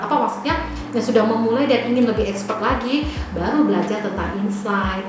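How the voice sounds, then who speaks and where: A woman guest, a mom influencer, giving lively, emphatic advice in a casual interview chat. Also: medium pitch. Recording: echoey room with music behind.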